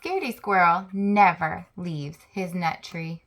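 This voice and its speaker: A woman with a lowish voice hosts a children's channel, reading a picture book aloud. Her storytelling is slow and expressive.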